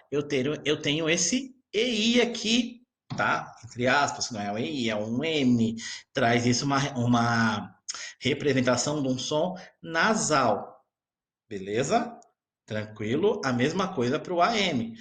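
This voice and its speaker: A man's voice: mid-range voice, sing-song, a little slow, a bit bright. A man teaching a recorded grammar lesson, explaining patiently and checking in with his students again and again. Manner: keeps checking in with the class.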